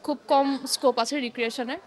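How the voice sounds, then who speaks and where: A woman's voice: sits high, fairly even intonation, quick pace. A woman giving a casual vox-pop reaction, mixing English phrases into her speech. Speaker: audience member giving reaction.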